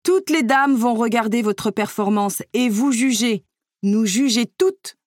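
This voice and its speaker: Storybook stepmother, strict and exacting, raised pitch and volume; a woman reader puts her on. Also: a little slow, darkish tone, no echo, clean studio sound. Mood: stern. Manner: bossy, exacting, commanding. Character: strict demanding stepmother, haughty noblewoman.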